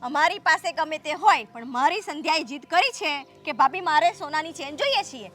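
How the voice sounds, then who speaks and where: An actress playing a domineering sister-in-law who scolds and argues sharply in a family drama. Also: female voice, high-pitched, lively intonation, normal speed, a bit bright, soft background music. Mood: scolding. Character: domineering, haughty sister-in-law of adult age. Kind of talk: scripted family drama dialogue.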